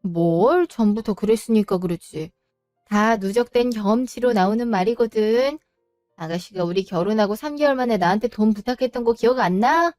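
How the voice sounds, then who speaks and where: A woman's voice: medium pitch, moderate pace, a little mellow, no room sound, studio quality, soft background music. Suspicious, probing woman narrator. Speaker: narrator and wife. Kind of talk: audio drama storytelling.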